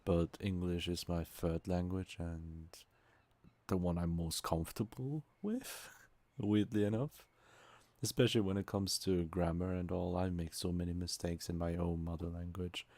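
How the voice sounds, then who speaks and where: A man's voice: low voice, fairly even intonation, measured pace, darkish tone, no echo. A man whose first language is Turkish, chatting casually with viewers while streaming a game and musing aloud.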